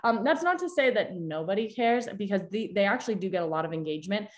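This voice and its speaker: A woman's voice: medium pitch, expressive, quick pace. A young woman guest expert giving a chatty live tutorial over a video call, explaining step by step with frequent restarts. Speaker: social media guest expert.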